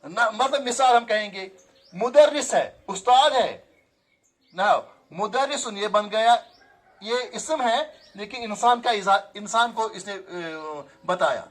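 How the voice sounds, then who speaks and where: Guy teaching a class, pretty high voice, repeats stuff slowly and asks students questions. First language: Kashmiri. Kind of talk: classroom grammar lesson.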